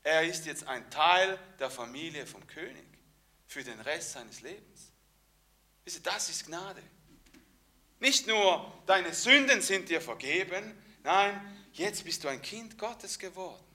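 High, bright-voiced storytelling preacher. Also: male voice, animated, slow. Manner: vivid storytelling, swings between hushed and emphatic. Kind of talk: sermon.

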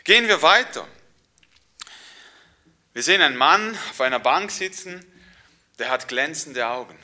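A man preaching a sermon, dramatic, moving from whispers to loud exclamations. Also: a little high, animated, measured pace.

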